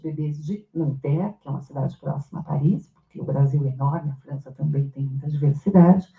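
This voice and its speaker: A woman giving a university lecture and turning to the audience with questions as she goes. Her voice comes through thin and phone-like, ringing around a large echoey hall. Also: deep voice. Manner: engaging, asks the audience questions. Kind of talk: academic lecture. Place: university amphitheater.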